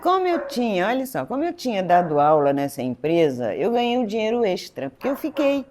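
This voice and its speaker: This interview guest is a Recife-born woman in her seventies, once a French teacher and school director, recounting her life in a wandering, self-correcting way and performing the dialogue. Her mid-range voice is sing-song, brisk, and darkish, with a slight hiss or hum.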